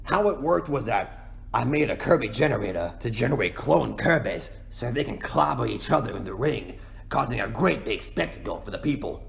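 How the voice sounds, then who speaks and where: A man plays a cartoon penguin king in an ASMR roleplay, his voice creaky and gravelly at a middling pitch. He rambles in a folksy way, boasting and feeling sorry for himself, always the aggrieved ruler. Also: lively intonation, normal speed, slight background noise. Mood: glum, complaining.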